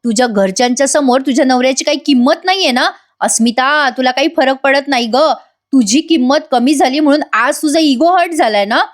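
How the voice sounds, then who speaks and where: A woman's voice: sits high, fairly quick, lightly acted. A woman voicing a selfish young husband who taunts and blames his wife. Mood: accusing. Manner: taunting, accusing.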